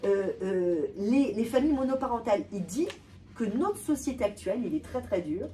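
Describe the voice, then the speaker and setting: A woman giving an animated talk to an audience, often repeating and restarting words. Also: mid-range voice, normal speed. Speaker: lecturer. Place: hall with a live audience. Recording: distant voice with faint room noise.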